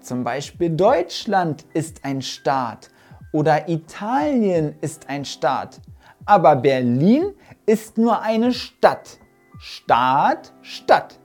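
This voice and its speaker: A woman teaching German pronunciation in an online lesson, modeling words slowly and clearly, syllable by syllable. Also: low voice, very animated, darkish tone, faint music behind.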